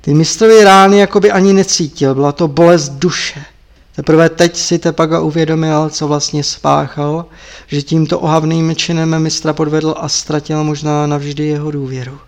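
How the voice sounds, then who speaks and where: A man narrating a story as an audiobook reader in a measured, even way. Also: on the high side.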